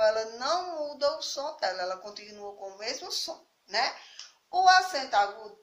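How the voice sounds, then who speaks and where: A high-voiced woman from Brazil teaches young children over a phone mic. She is patient, repeats each point, keeps checking if they follow, and stretches words out syllable by syllable. The room is echoey and bare. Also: fairly bright tone. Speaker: primary school teacher. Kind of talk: recorded online lesson for children.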